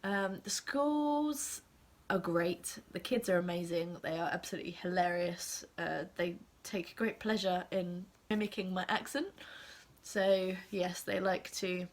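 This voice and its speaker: A young woman with an English accent, sick with a cold, chatting casually to camera with many ums and soft half-whispered asides. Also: on the low side, unhurried. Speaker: assistant language teacher and vlogger.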